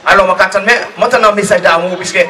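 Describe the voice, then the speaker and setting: A man giving a rambling, lively faith testimony at a church gathering, laughing often as he tells his story. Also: sits high, quick pace. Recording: distant mic with crowd noise.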